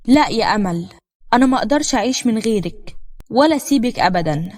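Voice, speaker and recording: A woman's voice: a little high, quick pace. Woman voicing Ali, a cold, unfaithful husband. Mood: pleading. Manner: cold and flat.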